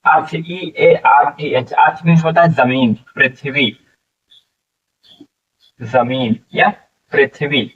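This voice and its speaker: A man's voice: medium pitch, steady tone, a bit bright, husky. Man teaching, tinny and distant. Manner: explains slowly, repeats words, asks and answers his own questions. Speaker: English teacher. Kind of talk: classroom vocabulary lesson.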